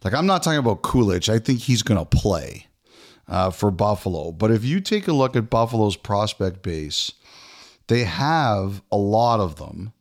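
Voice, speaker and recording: Low-voiced man talking hockey, stumbling restarts. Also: very animated, normal speed. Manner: repeats words and restarts often. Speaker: hockey podcast co-host. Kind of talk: casual sports chat.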